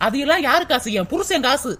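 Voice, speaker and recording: A woman doing a sharp-tongued young daughter-in-law in a cartoon. She fires back cheeky retorts quickly in a high voice and never backs down. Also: animated. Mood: defiant. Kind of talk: cartoon dubbing.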